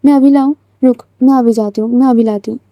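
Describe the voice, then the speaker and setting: A woman's voice: a little high, steady tone, fast talker, no room sound, lo-fi sound, lightly acted. Fussing young male student, as a woman puts him on. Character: caring young male student, fussy friend.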